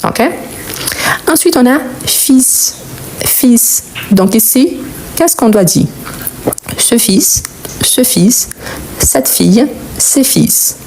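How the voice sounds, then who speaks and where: A woman's voice: fairly high pitch, expressive, drawn-out words, long pauses, darkish tone, slight background noise. A woman teaching a live French grammar lesson, explaining patiently and repeating key words.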